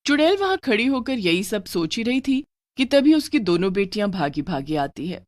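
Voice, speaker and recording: A woman narrating a cartoon horror story in a lively, expressive storytelling voice. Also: medium pitch, normal speed, dry recording.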